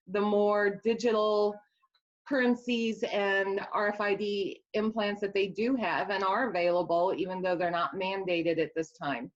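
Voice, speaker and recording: A woman with a Midwestern accent, an author talking earnestly about her work in a casual interview, rambling a little with restarts. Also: medium pitch. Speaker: author guest. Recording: dull lo-fi sound.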